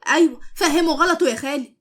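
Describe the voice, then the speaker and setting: A woman with an Egyptian Arabic accent voicing a sharp-tongued, stubborn young wife who scolds her husband and her brother. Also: sits high, quick pace, voice pushed up. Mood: sassy. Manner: sassy, scolding.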